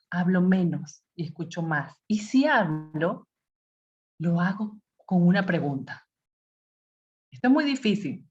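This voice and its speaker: A woman giving a calm, advising talk to parents, sometimes acting out what a parent might say to a teenager. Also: fairly low pitch. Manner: calm, advising, acts out parent-child dialogue. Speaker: parenting speaker. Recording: dull lo-fi audio.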